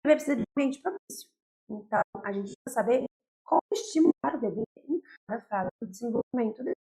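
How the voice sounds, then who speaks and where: In a low-quality recording, a young woman pediatrician with a fairly high, creaky, mellow voice teaches parents about caring for babies. She has a Brazilian Portuguese accent and explains things directly, regularly asking "tá?" and "né?".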